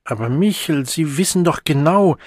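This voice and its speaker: A man's voice: on the high side, animated, normal speed, darkish tone, breathy edge, no echo, clean studio sound, voice pushed up. A whining, fawning party host, as a male reader puts him on. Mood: pleading. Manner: whining, begging.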